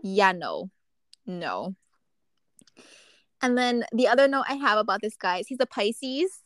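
A woman's voice: medium pitch, very animated, unhurried, a bit bright, no room sound. A woman hosting a casual podcast chat, asking teasing questions and steering the talk. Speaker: podcast host.

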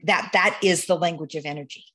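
A woman, an energy instructor, teaching on a podcast in a lively way, laughing and quoting herself. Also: on the low side, a little fast, husky. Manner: animated, laughs, quotes herself in little voices.

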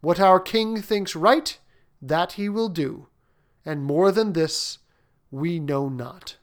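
A man's voice: high voice, slow. A man reading a storybook, voicing palace attendants who answer in a guarded, evasive way. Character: tight-lipped royal palace attendants.

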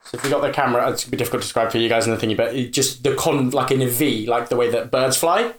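A man's voice: mid-range voice, a little hiss or hum. Man in an echoey room, thinking aloud. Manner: halting, restarts as he pictures ideas. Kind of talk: casual brainstorming chat.

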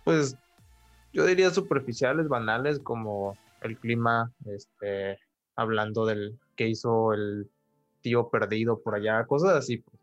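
A man's voice: medium pitch, a little slow, dry recording, muffled recording, faint music behind. A man in casual podcast talk, thoughtful and full of filler words. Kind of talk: casual conversation.

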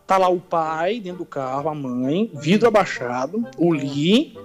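Pastor guy with a pretty high voice, laughing thru a goofy story, faint music behind. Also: unhurried. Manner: animated, laughs through funny anecdotes. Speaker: pastor, guest. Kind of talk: casual storytelling.

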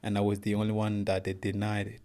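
A man's voice: on the low side, monotone, a little fast, mellow. A young man from Congo, not a native English speaker, telling his life story earnestly as a guest in a casual interview. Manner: earnest, plain storytelling, says "bro" often. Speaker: guest, professional boxer.

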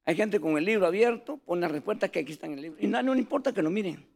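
Gravelly high-pitched male preacher. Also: fast. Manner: animated storytelling, addresses listeners as brothers. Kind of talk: sermon.

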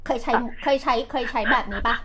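A woman hosting a podcast chat, giving blunt, lively advice with frequent laughter and slangy speech. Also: brisk, crowd noise. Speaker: podcast host and real estate agent.

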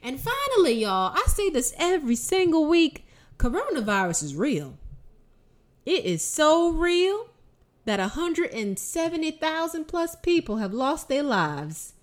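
A woman's voice: high voice, sing-song, a little slow, pitched above the performer's own voice. A woman putting on a bossy old church lady. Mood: bossy, folksy. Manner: emphatic, scolding, folksy. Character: older church lady reading weekly announcements.

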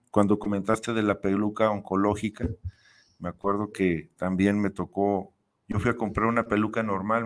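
A man hosting a radio talk show, speaking hesitantly and searching for words. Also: fairly low pitch. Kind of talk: conversational interview.

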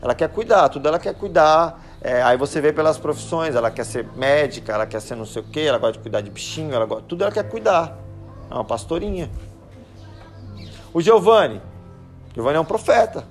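A man's voice: a little high, expressive, fairly quick, faint music behind. A man giving a sermon as a pastor, shifting between Scripture and casual family stories. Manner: conversational, anecdotal preaching.

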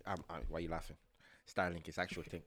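A man in casual chat with friends, rambling through a story and quickly getting annoyed. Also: low-pitched, level tone, a bit bright. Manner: rambling, quick to get annoyed, talks over others.

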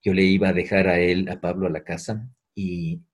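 Husky middle-aged guy, lowish voice, animated storytelling. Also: normal speed. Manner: animated, acts out quoted voices. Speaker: guest. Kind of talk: casual storytelling.

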